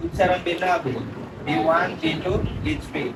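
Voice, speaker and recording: This English teacher's voice sits a little high and stays level as he moves briskly through a spoken grammar lesson, putting questions to his student and repeating what they answer. The sound is distant, echoey and noisy.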